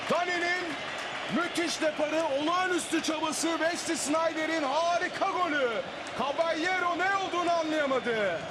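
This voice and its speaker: A man commentating live on football, screaming excitedly and drawing out his words. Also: extremely high pitch, over a noisy crowd. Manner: screaming, excited goal calls with drawn-out words. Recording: loud noise over the commentary.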